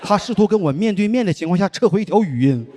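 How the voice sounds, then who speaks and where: A man performing a stand-up comedy set on stage, telling stories in a dry deadpan way and acting out the people he quotes. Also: high voice, fast talker, a crowd in the background, background noise. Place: comedy show stage with live audience. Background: audience laughter.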